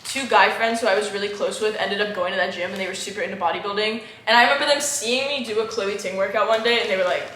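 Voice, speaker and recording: Teen girl hosting a chill q&a w friends, bright sharp voice, talks fast and animated, echoey room. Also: mid-range voice. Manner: fast, animated storytelling with swearing and laughter. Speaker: channel host. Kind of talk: casual chat, Q&A with friends. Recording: echoey room with faint background noise.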